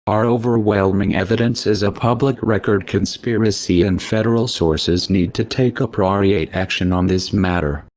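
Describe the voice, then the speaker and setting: A man speaking in a disguised, computer-altered deep voice, reading a scripted statement in a slow, menacing monotone. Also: no echo.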